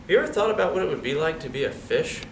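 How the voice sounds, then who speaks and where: Rapid-fire and fairly high-pitched, a man reads a storybook to children in an expressive, conversational style, pausing for casual asides and questions to the young listeners. A far-off microphone captures a roomy sound with clear background noise.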